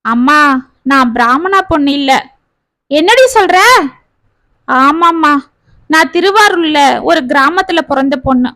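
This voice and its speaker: A woman's voice: sits high, unhurried, pauses often, bright, forceful tone, no room sound. A woman voicing a pleading young woman. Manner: pleading, confessional. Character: gentle young woman, tearful and remorseful.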